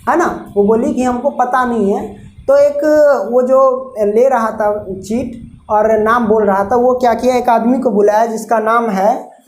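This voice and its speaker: A woman's voice: fairly high pitch, fairly even intonation, a little slow, darkish tone. A woman teacher retelling a textbook story for her class in a chatty way, repeating points, asking herself questions and acting out the characters' lines. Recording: echoey room with faint ambient noise.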